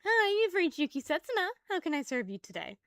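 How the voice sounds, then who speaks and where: A woman's voice: very high-pitched, big pitch swings, a little fast, no echo, voice pushed up, exaggerated voice. A woman voicing a theatrical, justice-obsessed girl idol in a game, speaking in a grandiose, declaiming way. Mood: bragging.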